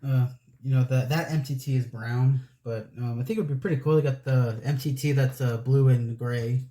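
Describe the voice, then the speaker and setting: Young guy in his late 20s rambling while he builds, breathy and close to the mic, keeps laughing at himself. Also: medium pitch, steady tone, normal speed, mellow. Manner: rambling, self-deprecating, laughs often. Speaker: Lego building vlogger. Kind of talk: casual chat while building.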